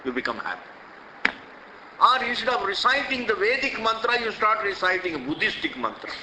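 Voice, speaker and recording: A man's voice: high voice, big pitch swings, a little fast, background noise. An older man with an Indian accent giving a spiritual discourse, emphatic and repetitive, full of rhetorical questions, recorded in an echoey hall. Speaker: swami teaching scripture.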